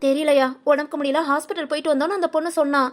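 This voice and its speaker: A woman voicing a fussing grandmother who scolds and coaxes in a sing-song way, for an animated family story. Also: sits high, very fast, natural voice. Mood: chatty. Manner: scolding, coaxing, sing-song village talk.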